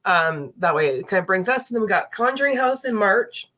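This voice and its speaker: Her mid-range voice animated, fairly quick, and sharp, a late-thirties woman chats and rambles as host of a casual livestream, filling gaps with fillers. She sounds stuffy from a lingering illness.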